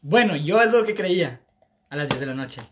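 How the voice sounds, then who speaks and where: A man's voice: fairly high pitch, expressive, moderate pace, a bit bright, a little hiss or hum. A young man, co-hosting a casual podcast and telling stories, mixing English into his speech. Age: young adult. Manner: storytelling, mixes English into his speech, laughs often. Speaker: podcast co-host. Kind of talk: casual chat.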